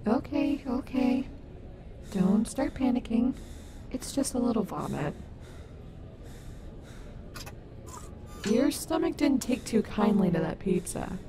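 Woman doing a robot wolf girl comforting you, asmr roleplay, sassy but gentle, takes her time, noticeable background noise. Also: fairly high pitch, very animated, a little slow. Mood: reassuring, wry. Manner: soothing, reassuring, wry. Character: caring, sassy female robot wolf animatronic.

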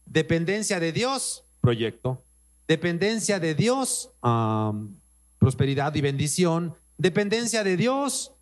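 A man's voice: on the high side, sing-song, slow. A man with a Mexican accent preaching a sermon as pastor, emphatic, repeating phrases and speaking straight to the congregation. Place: church.

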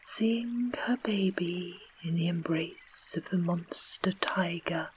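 Very slow whispering English woman. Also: lowish voice, slight background noise, rough recording. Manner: soft unvoiced whisper, slow and soothing. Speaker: storyteller. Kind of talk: whispered role-play bedtime story reading. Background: faint trickling water ambience.

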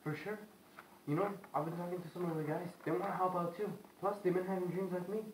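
Woman playing a low-voiced, fast-talking young detainee. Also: steady tone, darkish tone, natural voice. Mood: eager. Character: restless young detainee plotting an escape. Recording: echoey room, faint noise.

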